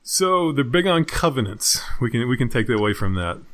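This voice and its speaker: A man's voice: medium pitch, big pitch swings, brisk, over loud music. A man co-hosting a casual movie review podcast, playful and laughing often. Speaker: podcast co-host.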